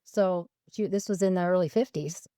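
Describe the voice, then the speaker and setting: A woman's voice: fairly low pitch, normal speed, mellow, clear, resonant tone, no room sound, studio quality. A woman in her sixties from California, telling family stories in a chatty podcast conversation, often laughing and restarting her sentences. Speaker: podcast guest. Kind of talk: casual storytelling conversation.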